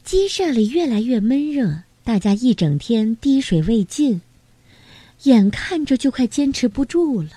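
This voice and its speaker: Gentle woman telling a bedtime story. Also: mid-range voice, no echo.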